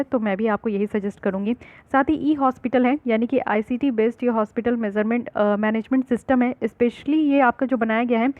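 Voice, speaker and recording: A woman's voice: a little high, no room sound. A woman teaching exam-prep current affairs, explaining patiently and mixing in terms with frequent fillers. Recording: dry, phone-like lo-fi audio.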